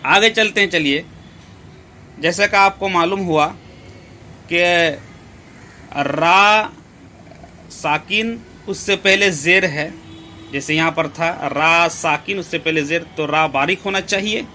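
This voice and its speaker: A man teaching Quran recitation rules step by step. He explains slowly, repeats himself and keeps asking rhetorical questions. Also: fairly high pitch, sharp tone, slight background noise. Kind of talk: step-by-step tajweed lesson.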